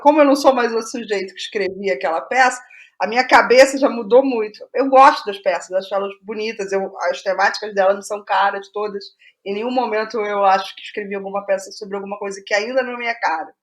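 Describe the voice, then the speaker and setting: A Brazilian woman playwright, being interviewed, talks casually and reflectively, thinking aloud and drifting into digressions. Her mid-range voice moves at a quick pace.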